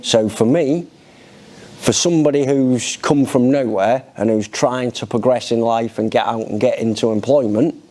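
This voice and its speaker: Middle-aged British man, mellow voice. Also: medium pitch, moderate pace. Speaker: charity resident being interviewed. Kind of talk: conversational interview testimony. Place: indoor lounge, seated in an armchair.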